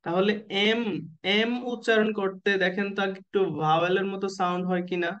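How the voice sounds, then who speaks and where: A man tutoring nursing exam candidates in an online class, who keeps asking the students questions and slowly spells out letters and abbreviations. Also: sits high, fairly even intonation, fairly bright tone, clear, resonant tone, muffled recording. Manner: asks the class questions and waits for answers.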